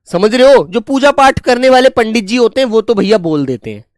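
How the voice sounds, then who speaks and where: A male teacher giving an exam-prep grammar lecture with a high voice. He talks to his students fondly and keeps checking whether they are following. The sound is dry and close. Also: animated, fairly quick, no room sound. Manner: fond, coaxing, keeps asking "right?" and calling students child.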